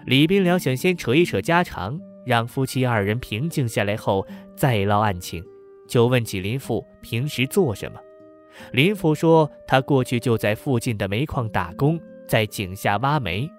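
A man narrating a novel in a measured, somber storytelling manner. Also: medium pitch, animated, soft background music. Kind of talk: audiobook narration.

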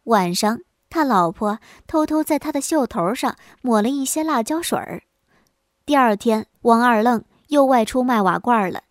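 A woman narrating a scripted folk tale in an even, clear storytelling delivery on a close studio mic. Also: on the high side, normal speed, no echo.

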